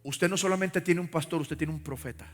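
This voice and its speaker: This Costa Rican pastor's voice sits on the high side and moves briskly as he preaches live, passionately calling on the congregation to echo his words. The recording is very noisy, with a reverberant large sanctuary and faint music behind him.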